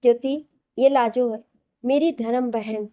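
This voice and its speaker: A woman's voice: fairly high pitch, steady tone, measured pace, mellow, lightly acted. A woman voicing a friendly, easygoing young husband.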